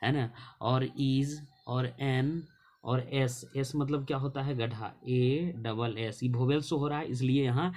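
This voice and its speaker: A male English teacher, explaining a lesson slowly, spelling words letter by letter and asking and answering his own questions. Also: medium pitch, steady tone, a little mellow. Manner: slow, drawn-out dictation of spellings. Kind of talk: classroom lesson explaining translation.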